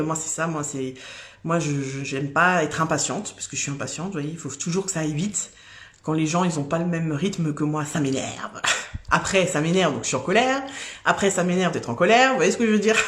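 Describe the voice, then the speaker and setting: A woman who has children, reading tarot cards on a live stream in a chatty, casual way, with many fillers and restarts. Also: sits low. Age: adult with children. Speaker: tarot card reader.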